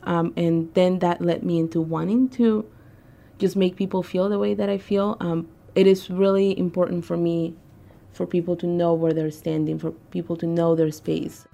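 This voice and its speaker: Young woman from Peru, radio interview guest, deep gravelly mellow voice, casual with fillers. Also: little pitch movement, normal speed. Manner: conversational, frequent ums and uhs. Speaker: guest, arts organizer.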